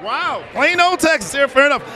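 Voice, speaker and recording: High-voiced enthusiastic red carpet interviewer man. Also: expressive, a little fast, sharp tone. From San Diego. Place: film festival red carpet, indoors. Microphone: handheld mic. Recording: music playing behind.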